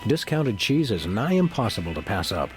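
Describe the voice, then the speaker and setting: An actor playing a wry, unflappable cartoon game detective in a wordy, sarcastic deadpan. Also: male voice, fairly low pitch, moderate pace, over music. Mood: dry deadpan. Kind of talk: video game character acting.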